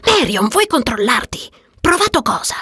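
A woman's voice: on the high side, sing-song, normal speed, sharp tone, breathy edge, no echo, clean studio sound, pitched above the performer's own voice, full character voice. A woman voicing a blunt, earthy working woman who scoffs and mocks in an audiobook. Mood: scornful. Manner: brusque and mocking. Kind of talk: audiobook character voice.

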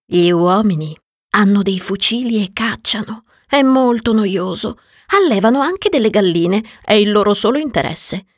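Woman voicing a gentle lonely female fox. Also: mid-range voice, lively intonation, normal speed, dry recording, clean studio sound, voice pushed up, lightly acted. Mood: wistful. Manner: soft, patient, sometimes whispering. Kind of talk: storybook reading.

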